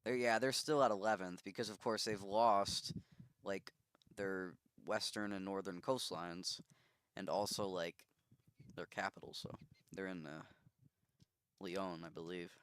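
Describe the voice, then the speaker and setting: A man's voice: sits low, fairly even intonation, measured pace, pauses often, fairly bright tone, clean tone. A man giving casual commentary on a strategy game simulation, musing and thinking aloud with easy asides.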